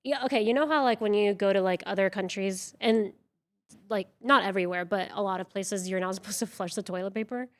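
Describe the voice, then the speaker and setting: A Venezuelan woman, a native Spanish speaker, chats casually as a guest on an interview show, using lots of fillers and self-deprecating asides. Her voice is mid-range and brisk.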